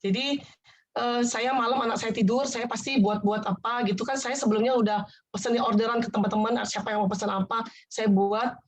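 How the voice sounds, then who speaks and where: Earnest woman with a fairly high voice. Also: fairly even intonation, fairly quick, rough recording. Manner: earnest, often addresses the listener as "Pak"; rambling, repeats herself and restarts. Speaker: guest sharing her testimony. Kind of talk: heartfelt conversational testimony.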